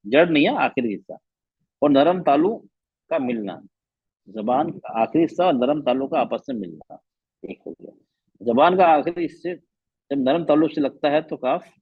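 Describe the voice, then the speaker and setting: A man's voice: mid-range voice, husky, dry recording, phone-quality sound. A man teaching a Quran recitation class online, patiently repeating letter sounds to demonstrate them.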